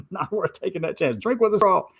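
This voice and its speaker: A man's voice: sits high, lively intonation, normal speed, vocal fry, slightly rough. A man hosting an informal opinion show, stressing and repeating his points with sarcastic asides. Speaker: host of a commentary show.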